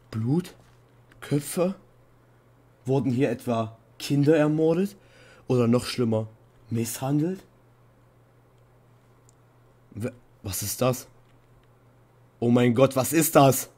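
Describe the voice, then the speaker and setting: A young man narrates a spooky game session at an unhurried pace, keeping it casual and joking about how frightened he is. Every so often he jumps into high, panicked yelps before settling back down. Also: breathy edge. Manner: playful mock fear, bursts into high panicked shouts. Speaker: Minecraft let's-play host. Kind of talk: casual gaming commentary.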